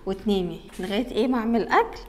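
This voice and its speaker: Woman playing a loud, quick, scheming Egyptian stepmother; nagging and fake-sweet; skit acting. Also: medium pitch, natural voice. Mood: falsely sweet. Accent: Egyptian Arabic.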